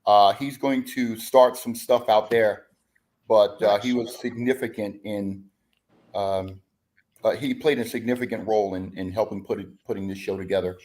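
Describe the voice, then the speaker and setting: A man's voice: lowish voice, fairly even intonation, moderate pace, darkish tone. A man who leads a band, chatting as a podcast guest, rambling with lots of fillers and restarts. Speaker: guest musician, bandleader. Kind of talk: casual podcast chat.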